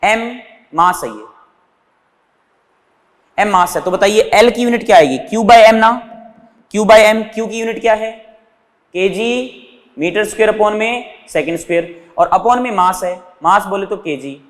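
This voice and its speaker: A man's voice: high-pitched, measured pace, long pauses, in a large hall. A male physics teacher explains units step by step, asking his students questions and answering them himself. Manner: calls his students "beta". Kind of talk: whiteboard physics lesson.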